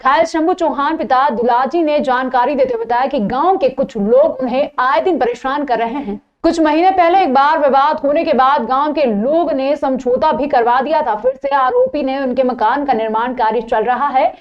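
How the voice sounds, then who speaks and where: A woman with a high voice reads the local news in a formal, even newsreader style. The audio is dull and lo-fi. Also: moderate pace, hardly any pauses. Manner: formal, steady newsreader delivery. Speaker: news anchor. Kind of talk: scripted news reading.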